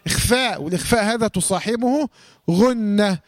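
A man with an Egyptian accent teaching Quran recitation rules, quizzing students, correcting them and reciting verse fragments slowly. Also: sits high. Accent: Egyptian Arabic. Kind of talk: tajweed lesson, call-and-response drilling.

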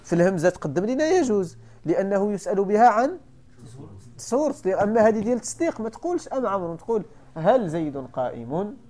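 A man's voice: high-pitched, sing-song, rapid-fire, warm tone. A man with a Moroccan accent, a sheikh teaching a classical text, who keeps quizzing his students and repeating the key points. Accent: Moroccan Arabic. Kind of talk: classroom lesson explaining a text.

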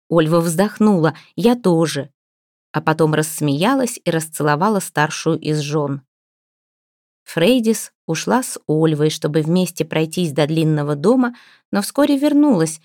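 A woman reading an audiobook story in a steady storytelling manner. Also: sits low, no room sound, studio quality. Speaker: audiobook narrator.

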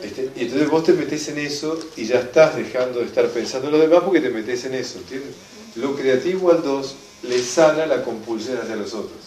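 A man with a Rioplatense accent lecturing a class, emphatic and lively, often checking that his audience understands. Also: mid-range voice, fairly quick, slight background noise. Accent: Rioplatense Spanish. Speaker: enneagram teacher. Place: classroom or hall with a live audience. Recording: echoey room, mic from a distance.

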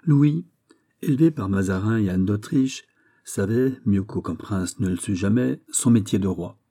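A male narrator reading a classic novel as an audiobook in a measured storytelling way. His voice is low and deeply mellow, with a husky edge. The reading stays even and unhurried.

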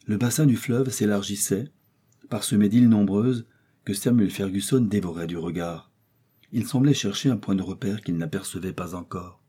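A man reading a classic adventure novel aloud as audiobook narrator, in measured storytelling. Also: lowish voice, dark tone, breathy edge. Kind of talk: scripted narration.

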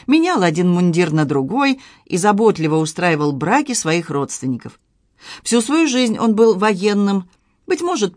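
Expressive audiobook narrator, dry sound. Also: medium pitch, no echo. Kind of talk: scripted literary narration.

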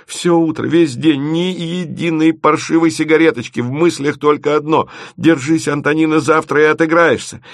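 Man putting on a shrill brash young bride. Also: fairly even intonation, moderate pace, hardly any pauses, no echo, studio quality, close to an everyday voice. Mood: wailing. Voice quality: shrill high put-on voice.

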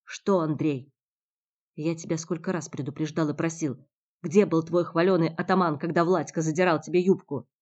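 A woman's voice: deep voice, fairly even intonation, moderate pace, a little mellow. A woman narrator voicing a blunt, tough young man who speaks curtly and growls his threats. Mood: accusing. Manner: curt, growling. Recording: dull lo-fi recording.

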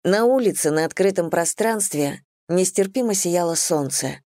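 Female audiobook narrator, low voice, measured, dry booth sound. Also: no room sound. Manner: measured, steady storytelling. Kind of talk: scripted novel narration.

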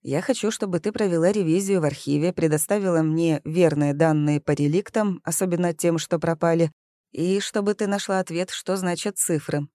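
Brief: female narrator doing a cool, arrogant young man in an audiobook, smug and teasing, low dark tone. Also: moderate pace, dry recording, studio quality, close to an everyday voice.

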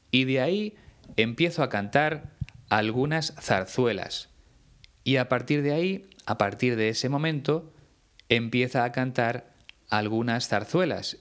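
A man from Spain teaching Spanish, explaining words slowly and carefully and spelling them out letter by letter. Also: mid-range voice. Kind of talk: slow explanatory lesson.

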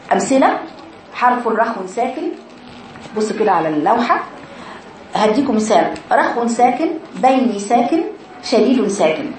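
A woman with an Egyptian accent teaching a tajweed lesson to her female students, explaining rules and reciting words slowly with long drawn vowels. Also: mid-range voice, reverberant, slight background noise, rough recording. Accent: Egyptian Arabic.

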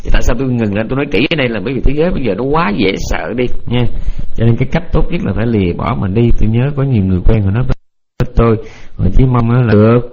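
A man giving a Buddhist dharma talk to an online group, rambling and repeating words as he searches, then slowly dictating points for notes. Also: mid-range voice, lo-fi sound. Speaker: Buddhist teacher.

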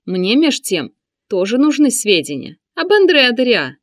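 A shrill, squealing fat eunuch who mocks his captive with open contempt, as a woman reader puts him on. The voice is pushed high and sneering. It sits close and dry, with no room around it. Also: big pitch swings, measured pace, dry recording. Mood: mocking. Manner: mocking, contemptuous. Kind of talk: audiobook character reading.

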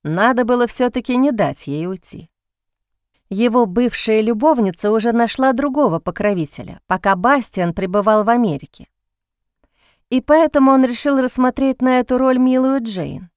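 A woman reading a novel aloud in a steady, expressive narration, close to the mic. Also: a little high, moderate pace, clean tone, dry recording. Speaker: audiobook narrator. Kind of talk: scripted narration.

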